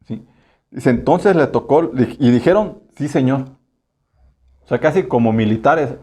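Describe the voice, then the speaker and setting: A man with a Mexican Spanish accent preaching a casual, conversational sermon. He keeps asking the congregation rhetorical questions and slips into quick acted voices. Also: mid-range voice, expressive, dark tone, husky. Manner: acts out short voices for humor.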